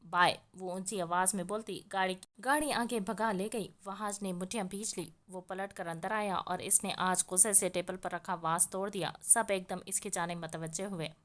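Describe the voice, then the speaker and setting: A woman reading a romance novel aloud with expressive storytelling. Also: medium pitch, moderate pace, hardly any pauses. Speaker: audiobook narrator.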